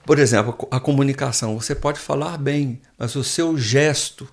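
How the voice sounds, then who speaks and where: A man's voice: mid-range voice, moderate pace. A man, a guest professor who explains things patiently with frequent restarts in a casual podcast chat in a studio.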